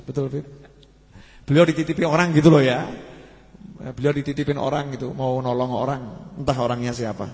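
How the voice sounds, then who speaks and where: A man preaching a sermon, mixing stories with lively joking asides and fervent emphasis. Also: mid-range voice. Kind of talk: sermon with storytelling and banter. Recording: long hall reverb.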